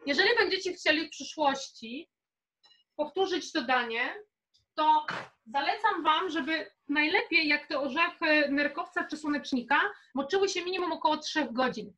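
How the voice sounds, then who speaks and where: Leading a relaxed live cooking class in a home kitchen, this young woman instructor talks at a moderate pace in a high voice that sounds pushed and bright. Her style is informal and chatty, and she encourages her participants throughout.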